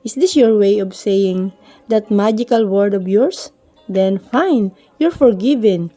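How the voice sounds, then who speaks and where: A woman's voice: mid-range voice, expressive, takes it slowly, warm tone, faint music behind. A woman voicing a lovesick young woman pleading. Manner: pleading, emotional.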